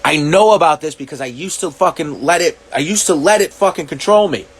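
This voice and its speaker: A man talking to camera, reacting to clips, swearing often and working out his thoughts aloud with halting restarts. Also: a little high, expressive, husky. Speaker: commentary vlogger. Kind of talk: reaction monologue.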